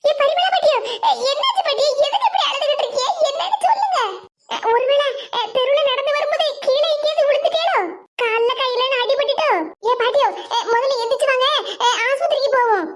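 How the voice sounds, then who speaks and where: A woman voices a caring young village woman from a cartoon, with a Kanyakumari Tamil accent and a very high, bright voice. She talks quickly and coaxingly, reassuring the people around her. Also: heavy background noise. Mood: concerned. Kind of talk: animated comedy voice acting.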